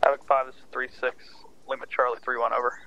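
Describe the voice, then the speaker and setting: A man speaks over a helmet radio in clipped military procedure. He rattles it off very fast in an even tone, with clear noise and clicks on the net. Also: mid-range voice, muffled recording. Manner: clipped, formal radio phrasing. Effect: helmet radio transmission. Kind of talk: military radio procedure role-play in a game.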